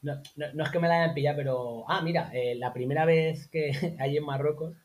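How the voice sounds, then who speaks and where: Man, interview guest, lively anecdote teller in relaxed chat. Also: fairly quick. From Spain. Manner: animated anecdotes, acts out quotes in high voices. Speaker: interview guest, former teacher in Morocco. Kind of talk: casual conversational storytelling.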